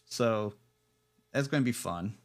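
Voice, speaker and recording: A man's voice: lowish voice, lively intonation, measured pace. A man hosting a casual livestream equipment test, rambling and chuckling as he corrects himself. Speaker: livestream host.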